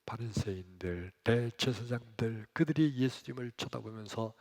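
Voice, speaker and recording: A male pastor preaching a sermon in a church, dramatic, moving from hushed whispers to loud exclamations. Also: mid-range voice, normal speed. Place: church sanctuary, streamed for online worship.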